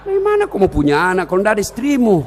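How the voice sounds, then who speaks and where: A male preacher, telling jokes and stories at full tilt and often breaking into a shout. His voice sits high and swings wildly in pitch. A long hall reverb rings after each line. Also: racing, slight background noise. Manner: animated, shouting, joking storyteller. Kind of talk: comedic sermon.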